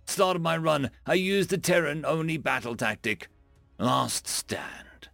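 Sulky young guy, sore loser, as a narrator plays him, grudging, gravelly. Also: a little high, lively intonation, measured pace, a bit bright, no room sound, soft background music, exaggerated voice. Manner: grudging, defensive.

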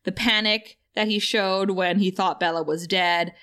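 A young woman co-hosting a casual movie review chat, animated and laughing often. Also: medium pitch, a little slow. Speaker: podcast co-host.

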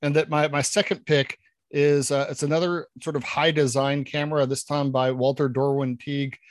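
A man's voice: fairly high pitch, level tone, moderate pace, no echo. A man in casual panel chat, talking with enthusiasm and rambling through many restarts. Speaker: podcast panelist.

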